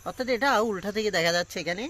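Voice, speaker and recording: A man giving a casual pronunciation lesson on a phone front camera, talking slowly and repeating each word with many fillers. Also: high-pitched, sharp tone. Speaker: English pronunciation teacher. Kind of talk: casual self-recorded lesson.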